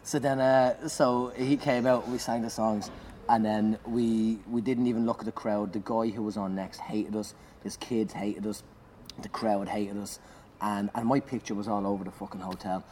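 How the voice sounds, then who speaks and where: A male comedian telling an animated, profanity-laced story in casual chat, laughing as he goes. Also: on the low side, moderate pace. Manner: animated, swears freely, laughs through his story. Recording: clear background noise.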